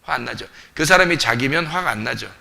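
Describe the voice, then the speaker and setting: A man's voice: medium pitch, expressive, a little fast, gravelly, pushed and bright. A male pastor preaching a sermon, emphatic and full of rhetorical questions to the congregation, recorded in a church sanctuary. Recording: long reverb of a church hall.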